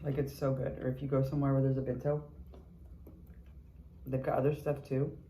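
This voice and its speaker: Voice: medium pitch, little pitch movement, brisk, dark tone, a little hiss or hum, rough recording. A mukbang vlogger in a casual eating video, chatting between bites with lots of chewing murmurs and candid, sweary remarks.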